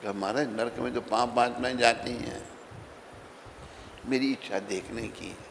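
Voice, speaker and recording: A man preaching a devotional sermon at an unhurried, deliberate pace. His voice is gravelly and edged with fry, and he tells the story in dialogue. A long hall reverb and faint background noise surround him. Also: mid-range voice, steady tone, a bit bright. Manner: storytelling, acts out dialogue with raised voice. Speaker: swami giving a devotional lecture.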